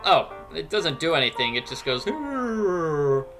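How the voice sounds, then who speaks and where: A man's voice: mid-range voice, brisk, pushed and bright, poor audio. A man giving casual, playful, rambling commentary as he plays a game. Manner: playful, rambling, mock-dramatic asides. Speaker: gamer, let's play commentator. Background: game music.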